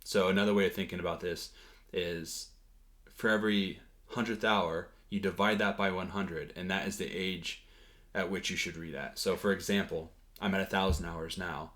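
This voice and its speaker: Here a man with a low, deep voice relaxes into a casual to-camera update about his progress with a language. He hesitates a lot, uses "um" and "like" as fillers, and restarts sentences mid-thought.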